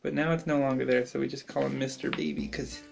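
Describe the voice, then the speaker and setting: A man's voice: medium pitch, level tone, fast, gravelly, faint music behind. A man co-hosting a casual vlog with his girlfriend, joking around and slipping into baby talk with pets. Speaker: co-host, boyfriend of the host.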